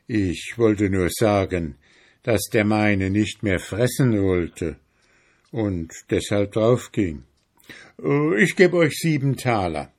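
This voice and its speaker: A man's voice: on the low side, expressive, slow, heavily acted. A man doing a greedy haggling miller. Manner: eager, haggling, shouting out offers. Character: greedy eager male miller.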